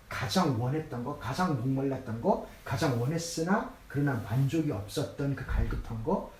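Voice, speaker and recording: A man's voice: a little high, mellow, slight background noise. A man preaching a sermon as pastor, speaking in a conversational way and acting out scripture quotes. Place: church sanctuary. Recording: echoey church room, mic from a distance.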